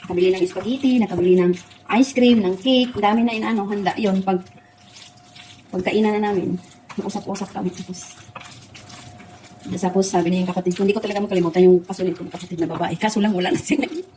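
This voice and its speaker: A woman's voice: mid-range voice, steady tone, fast, mellow, slight background noise, rough recording. A middle-aged woman chatting with her viewers while she cooks. She tells stories from her past, laughing and tearing up as she talks. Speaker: cooking vlogger. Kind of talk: casual cooking chat and personal storytelling.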